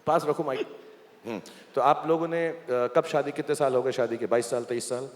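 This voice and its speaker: A man's voice: mid-range voice, steady tone, moderate pace. A man hosting a live stage event, joking with and coaxing guests in playful banter. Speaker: stage host. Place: event stage in a large hall. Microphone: handheld microphone. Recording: long hall reverb, faint noise.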